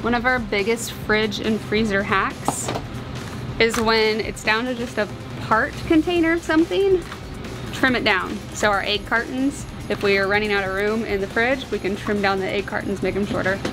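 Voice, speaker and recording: A woman in her thirties from Indiana, an RV vlogger, chats upbeat and jokey to a close-up handheld camera inside a travel trailer. Her mid-range voice moves at a moderate pace, with music in the background.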